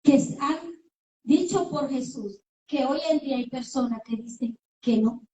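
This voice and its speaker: A woman's voice: high-pitched, measured pace, dark tone, slight background noise. A woman preacher giving a sermon. She speaks emphatically, asks rhetorical questions and acts out little dialogues. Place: church sanctuary. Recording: echoey room, voice from far off the mic.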